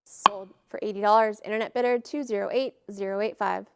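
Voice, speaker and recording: A woman auctioneer calling bids in a live auction with brisk, formulaic patter. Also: medium pitch, steady tone, creaky, clean tone, no echo, studio quality.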